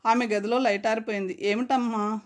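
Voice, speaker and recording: A woman narrating a novel chapter aloud in a steady storytelling voice. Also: a little high, fairly quick. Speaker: audiobook narrator.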